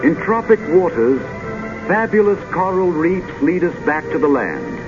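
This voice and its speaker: A man narrating in a grand, dramatic, measured old sci-fi announcer manner, like a vintage futurist documentary, with drawn-out poetic phrasing. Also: on the high side, big pitch swings. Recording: dull vintage film soundtrack with music.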